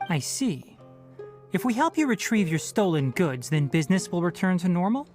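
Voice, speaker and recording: An actor voicing a brisk, decisive young forest ranger who speaks curtly and impatiently. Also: male voice, sits high, big pitch swings, a little mellow. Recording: game audio with background music.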